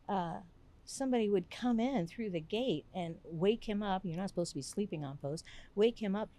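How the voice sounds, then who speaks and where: An older woman, a podcast guest, telling lively stories in casual conversation, acting out quotes and laughing often. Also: medium pitch. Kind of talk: casual interview storytelling.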